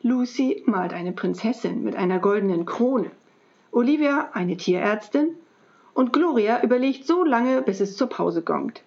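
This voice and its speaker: A woman reading a children's book aloud in a calm, steady storytelling voice. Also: fairly high pitch, measured pace. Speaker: school librarian reading aloud. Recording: dull lo-fi recording.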